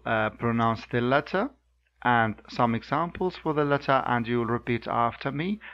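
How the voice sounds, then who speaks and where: A man teaching pronunciation, slowly repeating sounds and words for learners to copy. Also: medium pitch. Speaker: Arabic teacher. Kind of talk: pronunciation lesson. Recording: dull lo-fi sound.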